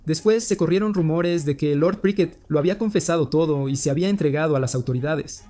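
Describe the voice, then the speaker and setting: A man narrating a story recap in a scripted, steady storytelling manner. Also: fairly high pitch, fast. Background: faint music.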